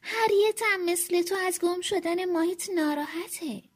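A woman reading a storybook aloud, voicing a mother turtle who is calm and comforting, in a soft, reassuring voice. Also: extremely high pitch, voice pushed up. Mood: gentle.

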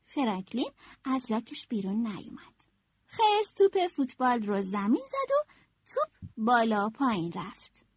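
A woman narrating a children's storybook, reading in an expressive, animated way. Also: on the high side, husky, dry recording. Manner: expressive, animated read-aloud.

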